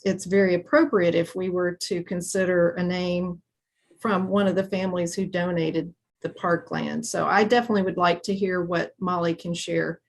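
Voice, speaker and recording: A woman on a city council speaks up in an earnest, thoughtful way. Her voice sits at an ordinary middle pitch. This is a plain council meeting discussion. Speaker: council member.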